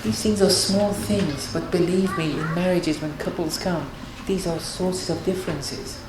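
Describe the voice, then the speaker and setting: A woman's voice: fairly low pitch, fairly even intonation, measured pace. A woman giving an earnest religious lecture on marriage, counselling her listeners and often restarting her phrases. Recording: very echoey hall with noise.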